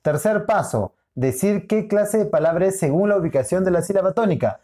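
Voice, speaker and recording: A man teaching a recorded lesson with a warm, mellow voice. He explains patiently, drawing words out, repeating each point and checking in with short questions. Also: high voice, expressive, a little fast. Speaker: school teacher.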